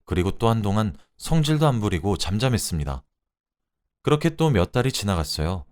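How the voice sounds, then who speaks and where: A man narrating a first-person story as a scripted reading, told in an expressive, conversational way. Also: lowish voice, fairly quick.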